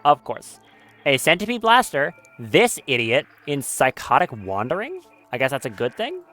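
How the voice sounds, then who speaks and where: A man's voice: a little high, huge pitch swings, normal speed, sharp tone. Man, live gameplay commentary, casual, nervous chatter, frequent swearing, faint music behind. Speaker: streamer.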